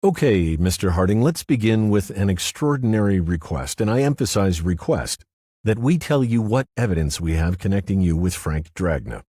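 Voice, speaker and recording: A man voicing a calculating male prosecutor with a deep, well-modulated voice and formal, measured delivery. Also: lively intonation, dark tone, slightly rough, no room sound, clean studio sound. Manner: measured, formal, self-satisfied. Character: smooth, calculating male prosecutor, politician type.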